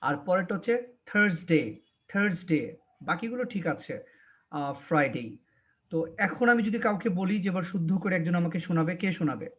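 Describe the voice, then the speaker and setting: Male English teacher, Bangladeshi accent, high voice, slow drilling of each word, dull online-class audio. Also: expressive. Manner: stretches words slowly to drill pronunciation. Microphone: video call.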